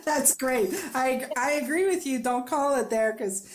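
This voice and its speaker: With a high-pitched voice and a somewhat slow delivery, this podcast host chats, laughs and spins stories in a relaxed interview. She is a native French speaker from Quebec, Canada, with a Quebec French accent, and there's slight noise in the background.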